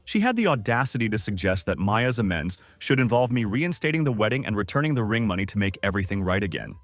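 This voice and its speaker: A man's voice: lowish voice, sing-song, fast talker, dry recording, soft background music. A man narrating a scripted first-person story in a dry, sardonic manner.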